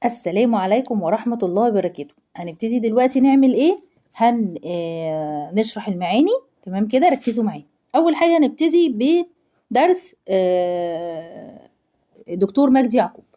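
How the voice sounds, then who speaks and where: A woman's voice: medium pitch, animated, fairly quick, warm tone. A woman teacher with an Egyptian accent, explaining word meanings to young pupils, asking questions and answering them herself. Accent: Egyptian Arabic. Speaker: primary school Arabic teacher.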